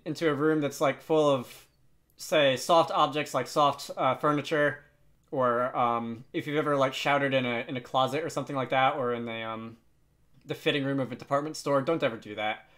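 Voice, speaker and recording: Thinking out loud with some hesitation, a man at a medium pitch runs a casual software tutorial as host, sprinkling in wry jokes at his own expense.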